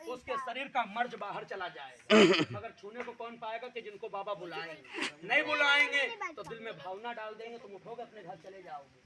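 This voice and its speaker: A man working as a street magician, calling out loud hawker-style patter to the people at an outdoor village show. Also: very high-pitched.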